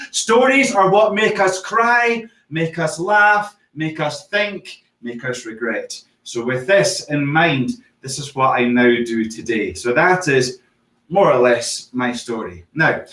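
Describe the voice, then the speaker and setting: A middle-aged man with a Scottish accent, giving a lively online conference talk on storytelling and quizzing his audience. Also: mid-range voice. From Scotland. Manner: lively, engages audience with quick questions. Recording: echoey, distant from the mic.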